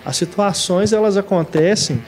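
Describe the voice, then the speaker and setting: A man's voice: high-pitched, normal speed, a little mellow, soft background music. A man co-hosting a casual film talk, enthusiastic and addressing the viewers, with many fillers. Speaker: co-host discussing films.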